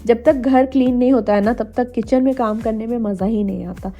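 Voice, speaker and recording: A young woman from India, slightly hoarse from a cold, chatting to viewers in a casual cooking vlog voice-over. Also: on the high side, fairly even intonation, a little fast, dark tone, muffled recording. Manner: chatty, addresses viewers directly. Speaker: homemaker vlogger. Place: voice-over, not recorded in the pictured kitchen. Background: faint music.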